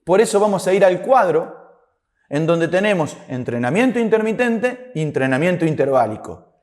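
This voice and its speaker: High-pitched man teaching. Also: very animated, moderate pace, a little mellow. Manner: didactic, checking understanding with short tag questions. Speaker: fitness instructor teaching a class. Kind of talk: explanatory lecture with slides.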